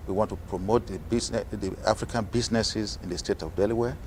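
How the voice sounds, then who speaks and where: A low-voiced man from Nigeria, a guest in a TV interview, speaks in a measured way with frequent fillers. A faint background noise is present. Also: steady tone, darkish tone. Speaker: guest, organization president.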